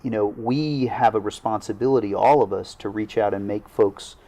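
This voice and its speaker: A man, a local government official in a studio panel conversation, speaking earnestly and haltingly with many restarts. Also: on the low side, warm tone. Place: small TV studio.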